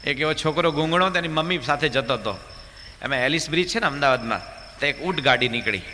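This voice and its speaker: A man's voice: fairly high pitch, lively intonation, quick pace, sharp tone, in a large hall, a little hiss or hum. A man, a monk, telling humorous stories to an audience in a chatty way and often asking them questions. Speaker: monk giving a talk. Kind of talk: humorous religious storytelling.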